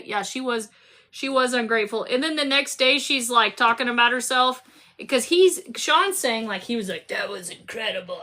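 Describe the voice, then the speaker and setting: Brief: high, bright young woman hosting a casual book chat, laughing and animated. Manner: giggly, animated, jumps into voices. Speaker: book club host.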